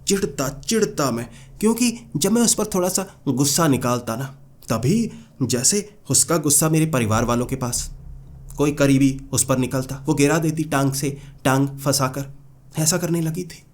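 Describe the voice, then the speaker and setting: A man's voice: fairly high pitch, animated, normal speed. A man telling a first-person horror story in a dramatic way, his voice jumping up sharply at tense moments.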